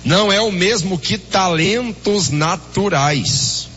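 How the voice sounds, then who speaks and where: A man's voice: sits high, slow pace, sharp tone, big-room sound, muffled recording, a little hiss or hum. A Brazilian man with a Brazilian Portuguese accent preaching a sermon as pastor, with fervent exclamations and a story told through quoted dialogue.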